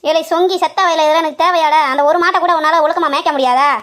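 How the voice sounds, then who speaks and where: A bossy older village woman, voiced by a woman for a cartoon comedy. Her voice sits high and her words tumble out fast. She nags and scolds without pause. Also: fairly even intonation, a bit bright. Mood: furious. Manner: scolding, shrill, nagging.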